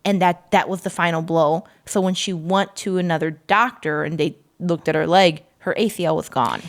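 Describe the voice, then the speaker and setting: A woman's voice: lowish voice, normal speed. A woman co-hosting a podcast in casual chat, chiming in to clarify and sum up her sister's story. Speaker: podcast co-host.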